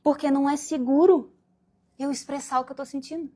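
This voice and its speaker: A woman's voice: high-pitched, fairly even intonation, fairly quick, dark tone. A woman from Brazil giving a spiritual lecture to a congregation, acting out little scenes in different voices as she goes. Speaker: guest speaker at a Spiritist meeting.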